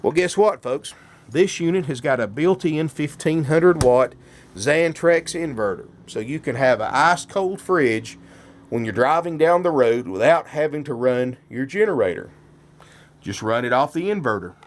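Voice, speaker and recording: Inside a motorhome, a man with a cold gives a folksy sales walkthrough, repeatedly saying "folks." His voice is a little high and animated, at normal speed.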